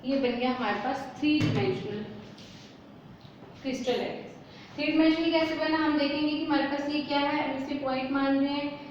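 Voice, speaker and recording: A woman with a high voice teaches a chemistry class at a board, asking questions and answering them herself while mixing English terms into Hindi. She speaks a little fast in a steady tone. The audio is dull, lo-fi, and very echoey, with faint background noise.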